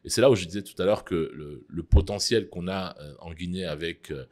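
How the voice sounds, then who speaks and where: A middle-aged man answering interview questions in a formal, measured way, often pausing on fillers. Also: low-pitched, a little mellow. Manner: measured, hesitant with frequent fillers. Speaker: interviewee, mining executive.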